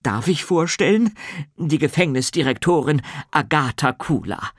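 A man putting on a small, good-humoured pastor, welcoming two children into a prison in this storybook. The voice sits higher and louder than plain narration, lively and bouncing, in a dry, close sound. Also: moderate pace, slightly rough, no echo. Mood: cheerful. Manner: warm and welcoming, upbeat.

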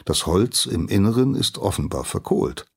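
A man narrating a scripted story in a measured storytelling manner. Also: sits low, sing-song, creaky, husky.

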